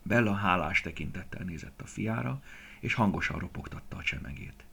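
A man's voice: low voice, expressive, creaky, pushed and bright, breathy edge. A man narrating a children's story expressively, often dropping to a whisper.

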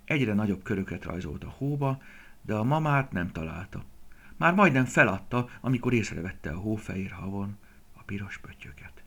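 A man's voice: fairly low pitch, expressive, a bit bright. A man narrating a children's story expressively, often dropping to a whisper.

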